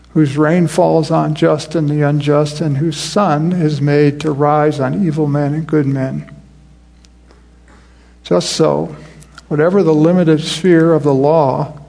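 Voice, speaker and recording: Gravelly-voiced man preaching conversationally. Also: a little high, dark tone. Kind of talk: sermon.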